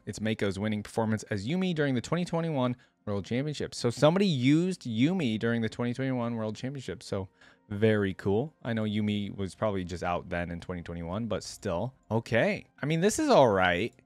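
As host, a young adult man gives casual, chatty reaction commentary, thinking aloud and sharing his opinions. His medium-pitched voice is dry, recorded close on a desktop microphone while he wears a headset.

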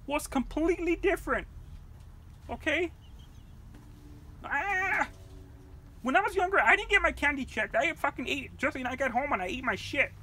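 A woman voicing a foul-mouthed, furious mother from a puppet world in a comedic vlog rant, cursing and rambling. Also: high voice. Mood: chatty. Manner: profane, shouting, rambling.

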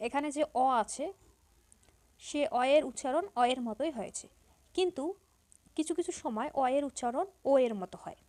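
A woman teacher explaining pronunciation to school students, repeating example words slowly and step by step. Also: high-pitched, lively intonation, darkish tone. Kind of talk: Bengali grammar lesson for school students.

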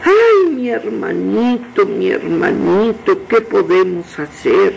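A man's voice: big pitch swings, slow pace, creaky, fairly bright tone, lo-fi sound, slight background noise, exaggerated voice. A man putting on a pleading little girl. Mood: crying. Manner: high pleading childlike voice.

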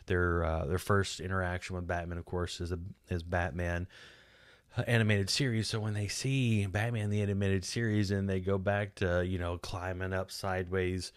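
In a small home studio, a forties Texan podcast host talks at a moderate pace in a low, level voice for a casual solo video commentary. He rambles and chats, restarting often and using lots of fillers. A close boom-mounted studio mic gives a dry recording.

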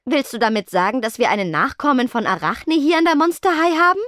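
A woman's voice: high voice, lively intonation, fairly quick, fairly bright tone, no room sound, studio quality, voice pushed up. A woman voicing an irritable teenage plant monster girl with a blunt, snappy manner. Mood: irritated.

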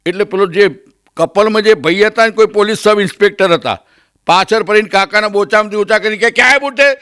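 A stand-up comedian with a Gujarati accent tells a funny story, animatedly acting out its characters by raising his pitch. He speaks a little fast in a clean tone, and audience laughter can be heard.

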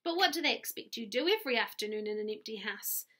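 A woman with a New Zealand accent voicing a kindly, reserved librarian in a read-aloud story, measured and gently concerned. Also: fairly high pitch, expressive.

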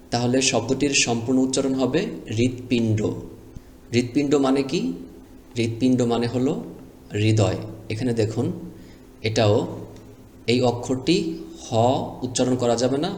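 A man's voice: medium pitch, a little mellow. A man teaching reading step by step, patiently spelling out and repeating sounds. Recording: echoey room with faint noise.

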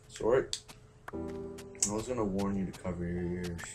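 A tired young man with a lowish voice talks through a game in a loose, rambling, self-mocking way, swearing casually as he goes. Loud music plays underneath his commentary throughout. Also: moderate pace. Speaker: gaming channel host. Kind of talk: casual let's-play commentary.

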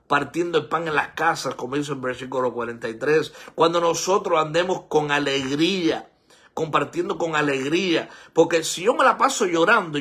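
An older man preaching a sermon as pastor, exhorting and rising to high, emphatic peaks. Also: a bit bright, husky. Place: church sanctuary.

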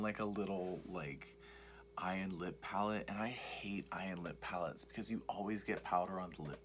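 A young man doing soft-spoken, mostly whispered ASMR as a makeup vlogger, rambling and repetitive in a campy way, with a breathy murmur. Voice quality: breathy whisper mixed with low creaky murmur. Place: small cluttered room indoors. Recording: noisy home recording with clicking and tapping.

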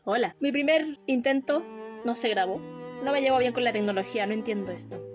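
A woman's voice: on the high side, fairly quick, muffled recording, over music. A woman giving casual commentary while playing a horror game, easily frightened, shrieking and laughing nervously.

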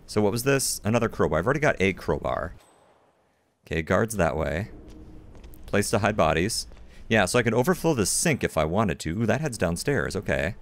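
A man talks through his gameplay in a lowish voice that bounces up and down a lot, chatty and self-mocking as he goes. Faint game music sits underneath his commentary. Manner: chatty, self-mocking asides while playing. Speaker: gaming video host. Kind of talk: let's play commentary.

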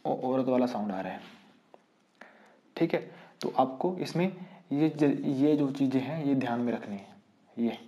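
A man's voice: medium pitch, measured pace, pauses often, dark tone, muffled recording. A man teaching a grammar lesson for exam prep, asking the class questions and answering them himself. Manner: quizzes students, repeats rhetorical questions.

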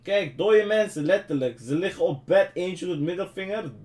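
A man's voice: high voice, lively intonation, normal speed, darkish tone. A young man in casual, slangy, teasing banter as a streamer on a random video chat. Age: young adult. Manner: teasing, blunt. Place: small room indoors. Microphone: gaming headset. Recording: noisy webcam stream with clicks.

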